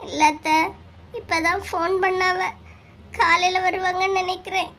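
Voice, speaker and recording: A performer voicing a tearful, soft-spoken young daughter-in-law in a cartoon, with a Kanyakumari Tamil accent. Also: very high-pitched, level tone, normal speed, a little hiss or hum. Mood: sad. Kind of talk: cartoon voice acting.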